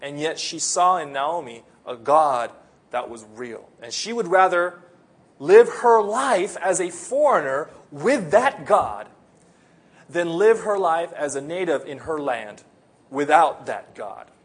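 With a fairly high pitch and an animated, slightly rough delivery, a Filipino man raised in America preaches an earnest sermon. He speaks with an American accent and slows down to highlight key phrases as a pastor.

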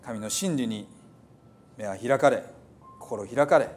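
Soft-spoken man praying. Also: medium pitch. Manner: soft, slow and reverent. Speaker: pastor. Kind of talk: spoken prayer.

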